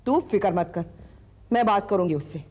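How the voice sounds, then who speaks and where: A woman's voice: high-pitched, sing-song, normal speed, darkish tone, breathy edge, full character voice. A stern old grandmother. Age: older. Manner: firm, scolding, motherly. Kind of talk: TV serial acting. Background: background music score.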